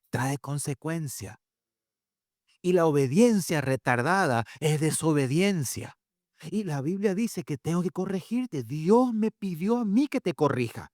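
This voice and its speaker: A woman's voice: low-pitched, darkish tone, no echo, clean studio sound. A man doing a firm, loving mother. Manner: firm, earnest. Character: loving but strict mother disciplining her son.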